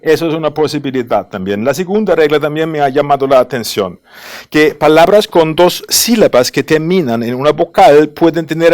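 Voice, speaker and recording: Man, academic conference lecture, higher voice, analytical, frequent um fillers. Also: a little mellow. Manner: hesitant, frequent um fillers while explaining; analytical, questioning tone. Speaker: conference presenter.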